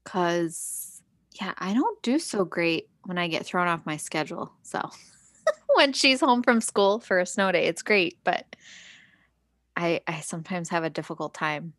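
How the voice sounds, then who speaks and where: A woman's voice: on the low side, big pitch swings, measured pace, fairly bright tone, no echo, clean studio sound. A woman co-hosting a podcast in casual chat, laughing often and acting out her own thoughts. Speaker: podcast co-host.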